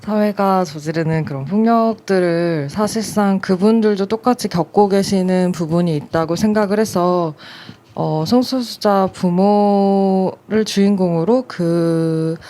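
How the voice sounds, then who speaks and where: A woman film director answering interview questions in a thoughtful, hesitant way, pausing with fillers. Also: mid-range voice, warm tone.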